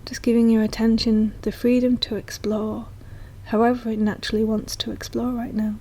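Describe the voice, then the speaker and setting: A woman guides a meditation in a breathy, mellow voice pitched a little high. Her tone stays very even, with little rise or fall, and her delivery is soft, slow, and soothing.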